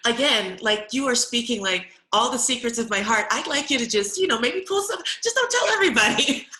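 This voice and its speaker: Woman interview host, bright and forceful tone, affirming listener, roomy echo. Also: a little high, expressive, brisk. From Hawaii and Colorado. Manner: warm affirming listener, frequent "yeah" and "mm-hmm". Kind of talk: conversational interview.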